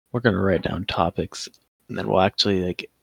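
A man's voice: sits low, creaky, fairly bright tone, breathy edge. A young man co-hosting a casual podcast, joking and laughing as he rambles. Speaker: podcast co-host.

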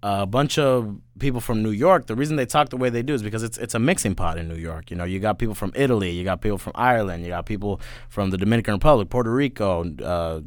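Talking fast in a lowish voice, this twenty-something podcast host keeps things slangy and loose, dropping "bro" constantly and swearing freely in casual chat. The recording is dry.

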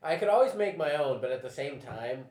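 A young man moderating a casual roundtable chat, relaxed and rambling, often trailing off and restarting. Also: fairly high pitch, brisk. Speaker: discussion moderator. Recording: roomy echo.

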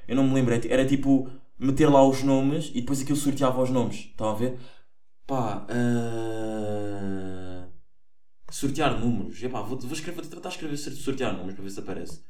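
A man's voice: mid-range voice, brisk, mellow, reverberant. A young man with a European Portuguese accent hosting a casual solo podcast, rambling, correcting himself and swearing freely. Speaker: podcast host.

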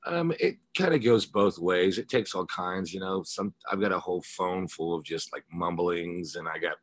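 A rock singer and guitarist, interviewed as a musician, chats informally and tells rambling anecdotes. He has a deep voice at normal speed, and the recording is dry.

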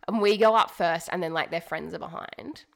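A woman's voice: fairly low pitch, normal speed, gravelly. Chatty woman telling stories. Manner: rambling, animated storyteller with many "like" fillers. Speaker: podcast co-host. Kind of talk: casual chat, storytelling. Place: home dining room.

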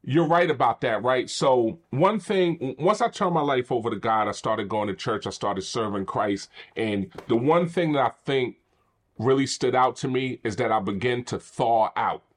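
A man hosting a podcast, telling a candid personal testimony with animated, preacher-like energy. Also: mid-range voice, moderate pace. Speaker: podcast host.

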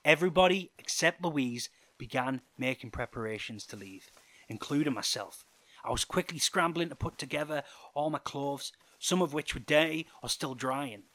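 A man reading a first-person story aloud as scripted narration, with an expressive delivery. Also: a little high, normal speed, no echo.

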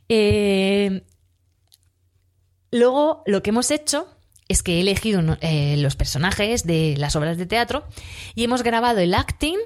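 A woman teacher with a cough, telling about a classroom project in a casual, animated and amused way. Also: mid-range voice. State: has a cough. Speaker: primary school teacher.

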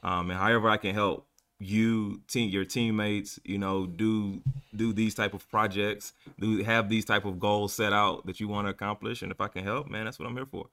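A man's voice: lowish voice, fairly even intonation, moderate pace, fairly bright tone. A man who mentors college athletes, talking in a casual interview, laughing often and repeating words as he thinks. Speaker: guest, football program staff mentor.

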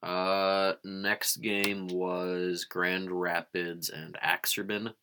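Low gravelly man, dry crude joker. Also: flat delivery, very slow, pushed and bright, slight background noise. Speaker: podcast co-host. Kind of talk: casual sports chat.

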